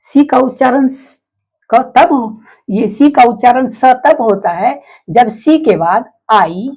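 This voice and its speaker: Husky, darker-toned woman teaching. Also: on the high side, slow, darkish tone. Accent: Hindi. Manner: repeats terms and asks the class rhetorical questions. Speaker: English teacher. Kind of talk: explanatory video lesson.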